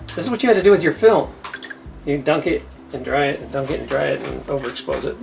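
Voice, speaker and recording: A woman's voice: extremely low pitch, animated, quick pace, vocal fry, darkish tone, soft background music. A woman hosting a cooking video from her home kitchen, chatting in a rambling, storytelling way as she cooks. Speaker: cooking channel host. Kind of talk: casual chat while cooking.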